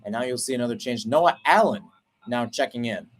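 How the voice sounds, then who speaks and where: Calling soccer on radio, this expressive play-by-play man talks steadily through the passing, breaks off for tactical explanations and corrects himself along the way. When a chance appears, his voice leaps up in pitch.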